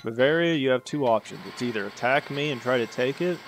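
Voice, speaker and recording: An animated man talks fairly quickly in a mid-range voice, with soft music in the background. The native English speaker hosts his own gaming channel and thinks out loud while playing a strategy game, rambling casually and tossing sarcastic asides to himself.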